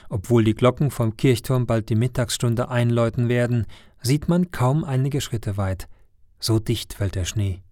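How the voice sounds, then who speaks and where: A man narrating a children's Christmas story in a gentle storytelling manner. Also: mid-range voice, normal speed, dry recording, clean studio sound. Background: faint music.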